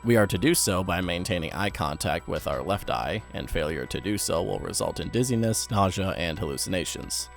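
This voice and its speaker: Low gravelly man with wry commentary. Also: animated, fairly quick, few pauses, faint music behind. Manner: wry, sarcastic asides. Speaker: video commentator. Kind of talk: commentary on horror videos.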